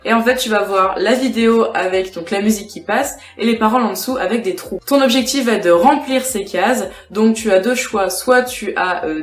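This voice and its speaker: Young female vlogger, chatty and direct to camera, mid-pitched voice, roomy echo, faint music underneath. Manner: chatty, addresses viewer directly. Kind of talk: casual vlog tips. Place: indoors at home with a cat. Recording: echoey room with faint music.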